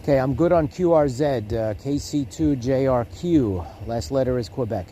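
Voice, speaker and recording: A man with a mid-range voice hosts a casual amateur radio demonstration, acting as an operator and giving callouts in the phonetic alphabet. He spells call signs phonetically at a moderate pace, with background noise present.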